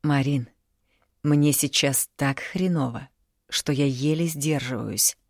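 A woman reading the lines of a coarse, domineering young man in an audiobook, curt and loud. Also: low voice, no room sound, studio quality. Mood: barely restrained.

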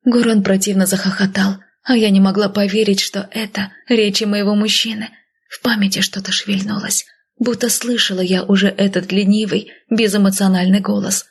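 Husky, gravelly woman narrating softly. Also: mid-range voice. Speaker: audiobook narrator. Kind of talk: first-person fantasy audiobook narration.

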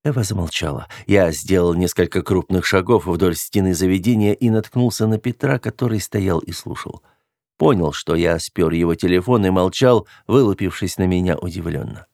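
Low-voiced male audiobook narrator. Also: moderate pace, a little mellow, no echo, clean studio sound. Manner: earnest, confessional. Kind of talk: first-person audiobook narration.

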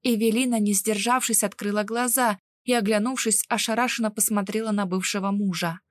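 A woman narrating a fantasy novel in an even, measured storytelling voice. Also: mid-range voice, no room sound, clean studio sound. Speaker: audiobook narrator.

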